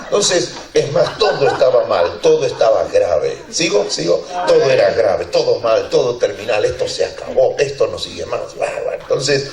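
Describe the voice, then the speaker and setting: Animated laughing preacher in a roomy hall. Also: male voice, mid-range voice, normal speed, hardly any pauses, crowd noise. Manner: animated, laughing storyteller acting out voices. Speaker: pastor. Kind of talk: sermon with humorous storytelling. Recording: roomy church hall, distant mic, congregation audible.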